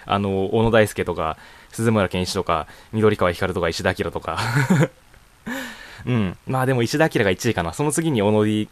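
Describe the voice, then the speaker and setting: A young man in his student years hosting his own net radio show, talking alone in a loose, rambling way with frequent chuckles and fillers. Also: lowish voice. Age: young adult. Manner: rambling, chuckles often, many casual fillers. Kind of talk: casual solo talk answering a voice questionnaire. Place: home room.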